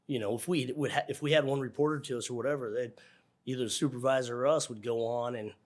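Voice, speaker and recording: The speaker is a middle-aged American man who works as an air traffic controller, talking as a guest in a casual interview. He moves at a quick pace in a steady, medium-pitched voice, laughing softly and acting out lines of dialogue while he explains things.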